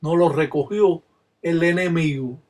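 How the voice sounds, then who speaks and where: A man, a Palo Mayombe practitioner, explaining a ritual in Spanish and reciting its chants in a steady rhythmic way. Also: fairly high pitch, unhurried. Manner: rhythmic call-and-response recitation.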